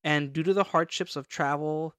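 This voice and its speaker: A podcast co-host with a mid-pitched voice tells stories casually and playfully. The delivery is informal and chatty, recorded dry with no room sound. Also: steady tone, normal speed, fairly bright tone, no echo. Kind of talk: casual storytelling chat.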